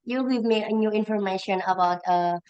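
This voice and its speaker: A woman interviewing over a video call, speaking haltingly while her unstable connection breaks up. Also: medium pitch, darkish tone, smooth, dull audio. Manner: hesitant, halting with pauses.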